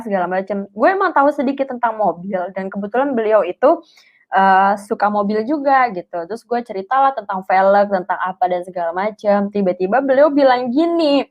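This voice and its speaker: A young woman with tells a personal story in an emotional, rambling way, full of filler words. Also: medium pitch. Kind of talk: personal testimony. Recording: tinny phone-like sound.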